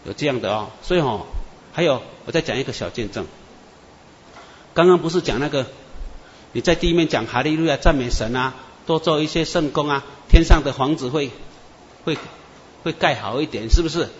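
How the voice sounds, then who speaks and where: A man preacher, telling dream testimonies in an animated storytelling sermon. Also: fairly high pitch, brisk, pauses often, slight background noise. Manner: animated storyteller, many "啊" and "哈" tags. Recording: echoey muffled hall with faint ambience.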